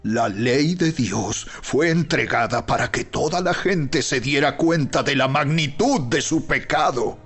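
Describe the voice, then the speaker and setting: A man narrates scripture in a solemn, emphatic style, taking his time and leaving weighty pauses. His voice is husky with a gravelly grain, and soft music plays behind him. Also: medium pitch. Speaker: Bible narrator. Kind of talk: dramatized scripted Bible narration. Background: background music.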